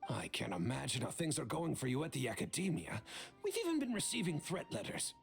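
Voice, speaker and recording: A man's voice: on the high side, huge pitch swings, brisk, gravelly, faint music behind, heavily acted. A man playing a stern, worried older father in a game, with a weary, nagging manner. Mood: reproachful worry. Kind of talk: scripted game voice acting.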